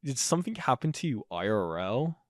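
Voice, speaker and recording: A man's voice: medium pitch, big pitch swings, fairly quick, no echo, studio quality. A man with a broad Scottish accent in casual chat, reacting with incredulous, sweary, slangy questions.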